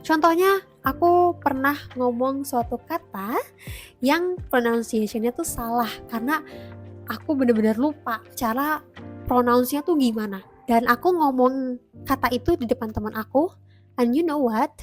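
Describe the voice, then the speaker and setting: A woman's voice: sits high, moderate pace, soft background music. A young Indonesian woman vlogging casually to camera, chatty and encouraging, mixing English phrases into her talk. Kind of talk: casual talking-to-camera vlog.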